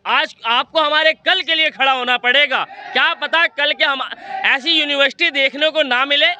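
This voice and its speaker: A young man, a student union activist, giving a loud, insistent, defiant protest speech outdoors at a university gate. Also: very high-pitched, no echo. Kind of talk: heated protest speech and argument.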